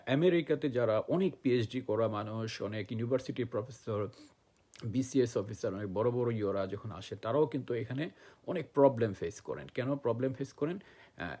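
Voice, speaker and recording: A man's voice: medium pitch, warm tone. A man giving a loose spoken lesson, repeating points and checking in with his students as he goes. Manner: loose, repetitive teaching with many fillers and "okay?" checks. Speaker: English teacher. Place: lives in the United States.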